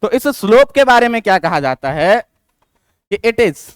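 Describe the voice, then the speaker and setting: High, clear-voiced male teacher. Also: big pitch swings, normal speed, no room sound, clean studio sound. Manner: asks and answers his own questions, checks if students follow. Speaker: physics teacher. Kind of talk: classroom lecture.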